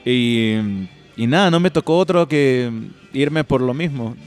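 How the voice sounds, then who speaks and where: A young man from Ecuador, chatting as a musician guest in a relaxed, rambling way full of fillers. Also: mid-range voice, unhurried, soft background music. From Guayaquil, Ecuador. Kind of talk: casual interview chat.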